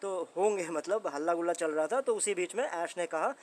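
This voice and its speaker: Hosting a channel that comments on a company's updates, an Indian-accented man explains things informally in a high-pitched voice at a slightly fast pace. He's conversational, often restating his points and asking the listener rhetorical questions.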